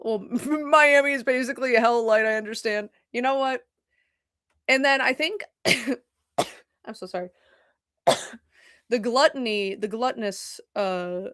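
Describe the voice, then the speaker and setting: A young woman talks loosely with her livestream audience from home, swearing and stopping herself mid-sentence to say sorry. Her medium-pitched voice is a bit bright, captured in a dry, clean studio recording.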